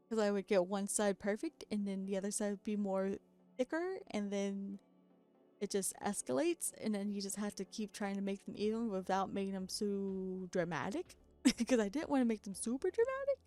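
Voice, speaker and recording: In a mid-range, warm voice with lively intonation and normal speed, a woman narrates her doll customizing in an easygoing voice-over, soft music in the background. She's very tired from staying up all night, her voice keeps cracking, and she laughs at herself frequently.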